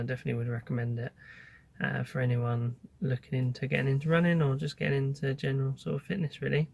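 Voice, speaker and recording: A man's voice: medium pitch, gravelly, a bit bright. A man talking casually as a vlogger, giving an informal update in a hesitant, thinking-aloud way.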